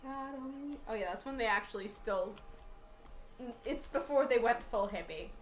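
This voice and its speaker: A woman's voice: on the high side, normal speed, reverberant, soft background music. A woman giving casual, joking, profane commentary while playing a video game. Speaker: let's play commentator.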